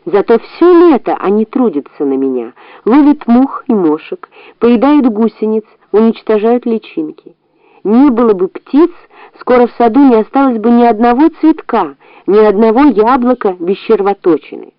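A woman's voice: fairly high pitch, animated, normal speed, dry recording, muffled recording, close to an everyday voice. Woman doing a stern old farmer. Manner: firm, scolding. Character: stern farmer master of the house, blunt. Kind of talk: storybook reading.

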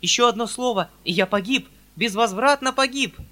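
Storybook: man playing a panicked, kindly uncle, high and pleading. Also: moderate pace, sharp tone. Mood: desperate. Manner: desperate pleading cries. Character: frantic, soft-hearted middle-aged uncle.

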